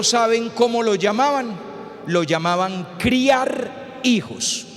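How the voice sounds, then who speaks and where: Paisa priest lecturing slow and storytelly, high voice, echoey hall. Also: male voice. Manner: storytelling, acts out scenes, rhetorical questions. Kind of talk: humorous public lecture.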